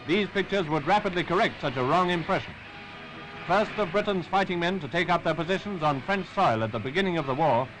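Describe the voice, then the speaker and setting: A British man giving brisk, patriotic commentary on an old 1940s newsreel soundtrack. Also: fairly high pitch, a bit bright, slight background noise, rough recording. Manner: brisk, rousing, patriotic delivery.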